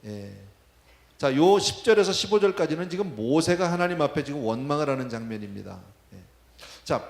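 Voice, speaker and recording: Gravelly-voiced preacher in an echoey church. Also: male voice, high-pitched. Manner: asks the congregation questions, conversational. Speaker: pastor. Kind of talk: sermon.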